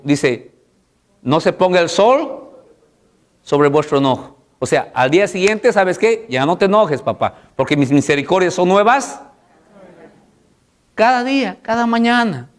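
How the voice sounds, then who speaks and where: A man preaches as pastor, his voice sitting somewhat high for a man. He pushes loud, soaring exhortations and then drops into quiet, low pleading. Repeated rhetorical questions drive his sermon. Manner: swings between loud high exhortation and low soft passages.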